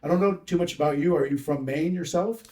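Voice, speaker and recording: A man's voice: a little high, quick pace, dark tone. A man hosting a casual interview show, upbeat and chatty with frequent fillers. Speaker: host.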